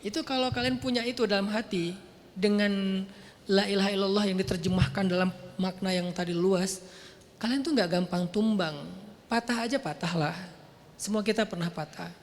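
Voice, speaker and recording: A man preaching a casual sermon, animated and slangy, acting out quotes. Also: high-pitched, moderate pace. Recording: long hall reverb.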